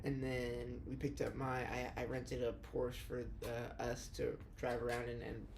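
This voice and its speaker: A man's voice: mid-range voice, completely flat delivery, a little slow, gravelly, a little hiss or hum. A young man hosting a podcast, chatting casually and rambling with lots of restarts and fillers like "dude" and "like". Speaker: podcast host. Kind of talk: casual chat.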